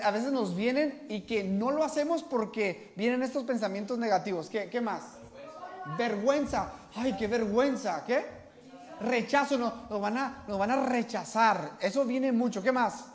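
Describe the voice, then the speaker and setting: A man's voice: very high voice, measured pace. A man teaching an evangelism workshop at church, asking the audience questions and repeating their answers back. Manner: animated, swings between loud and soft.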